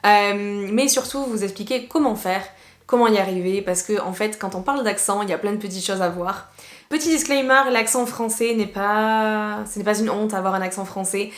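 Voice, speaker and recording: Her medium-pitched voice carries a southwestern French accent and moves at a moderate pace in an echoey room. She's an English teacher from southwest France giving a relaxed, lively video lesson, chatting away and dropping in English phrases.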